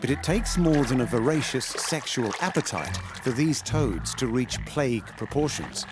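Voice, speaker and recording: A man reading scripted nature documentary narration in a measured, dramatic storytelling way. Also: medium pitch, sing-song. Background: background music.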